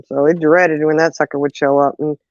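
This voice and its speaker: A woman co-host in a casual chat, telling a story in an animated way and acting out the quotes, on a dull lo-fi recording. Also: low-pitched, a little fast, no room sound. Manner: animated, acts out quotes, laughs often.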